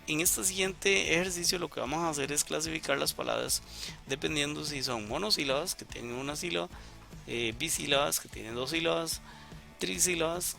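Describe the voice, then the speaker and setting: A gravelly-voiced man teaches a recorded lesson. He explains slowly, pausing on fillers and checking in with tag questions. Steady background music plays under his voice, and his pitch sits in the ordinary middle range. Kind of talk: recorded lesson talking through exercises.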